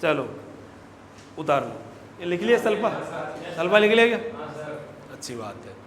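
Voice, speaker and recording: A high-pitched man lectures a classroom of students. He quizzes them and scolds them, and his voice rings with the long reverb of a large hall. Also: sing-song, moderate pace, crowd noise. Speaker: veterinary teacher.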